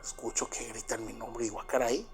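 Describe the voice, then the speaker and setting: A man's voice: medium pitch, fairly even intonation, a little fast, vocal fry, soft background music. A man with a Mexican accent telling a first-person true story, rambling with lots of fillers and tag questions. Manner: rambling, filler-heavy with frequent "pues" and "¿verdad?".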